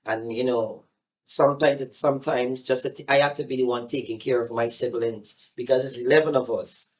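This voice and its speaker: A man's voice: mid-range voice, brisk. Guyanese man telling his story, loose and rambling. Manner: relaxed, rambling, with frequent fillers and restarts. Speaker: singer being interviewed. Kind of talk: casual interview storytelling.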